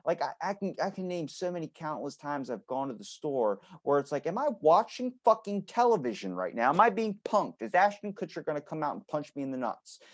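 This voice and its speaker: Fairly quick and with hardly any pauses, this higher-voiced man hosts a laid-back podcast conversation. His delivery is blunt and profanity-laced, and he animatedly re-enacts moments as he goes.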